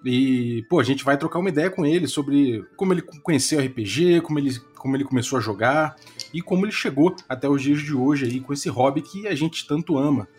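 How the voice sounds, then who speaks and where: A man's voice: medium pitch, fairly quick, a little mellow, slightly rough, faint music behind. A man with a Brazilian Portuguese accent hosting a podcast in an informal, slangy, chatty way. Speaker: podcast host.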